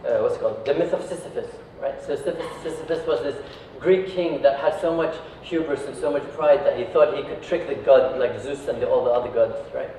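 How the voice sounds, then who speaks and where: This Iraqi founder speaks a little fast with few pauses, his mid-range voice warm as he chats informally with an audience and keeps adding quick tag questions like "right" and "yeah." The recording comes from a distance in an echoey room, sounding dull with faint background noise.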